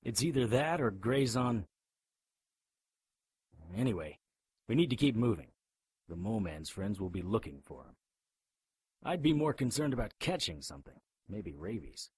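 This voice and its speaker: Husky, wry survivor. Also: male voice, on the low side, very animated, moderate pace, long pauses, darkish tone, dry recording, full character voice, poor audio. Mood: wry, blunt. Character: amnesiac, blunt, wry man leading frightened survivors. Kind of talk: audio drama acting.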